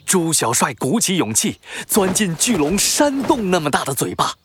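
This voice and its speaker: A narrator reading a scripted children's story in a dramatic, expressive way. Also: medium pitch, moderate pace, background noise.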